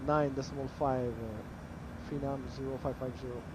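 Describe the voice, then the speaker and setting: A man's voice: medium pitch, steady tone, normal speed. A man making hesitant pilot radio calls to air traffic control into a cockpit headset mic. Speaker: flight simulator player acting as pilot. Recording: loud engine and cockpit noise behind.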